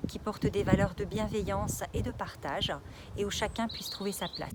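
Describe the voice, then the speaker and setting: A woman speaks steadily and smoothly as a local candidate. Her voice is mid-pitched, and the recording is heavy with background noise. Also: fairly even intonation, normal speed. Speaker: municipal list candidate. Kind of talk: scripted self-introduction.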